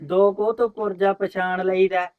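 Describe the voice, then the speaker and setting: A man's voice: high voice, flat delivery, measured pace, narrow, tinny audio. An actor playing an easygoing village man who jokes over tea, speaking. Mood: relaxed. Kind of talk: casual drama dialogue.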